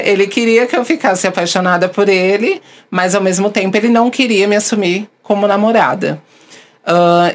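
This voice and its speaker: A woman, a podcast host now interviewed, telling candid personal stories and acting out the people she quotes. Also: mid-range voice. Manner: animated, acts out the voices of people she quotes.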